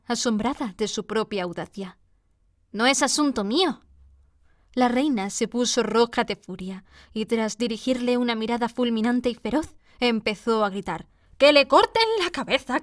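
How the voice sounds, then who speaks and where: Woman narrating a storybook, steady and dry. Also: on the high side, dry recording. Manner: steady measured reading. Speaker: audiobook reader.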